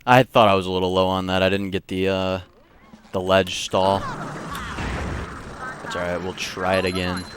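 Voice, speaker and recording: A man's voice: sits low, little pitch movement, normal speed, pauses often, noisy background. A man speedrunning a game on a live stream, casually talking through his own mistakes as he plays. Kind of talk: casual live-stream talk while playing.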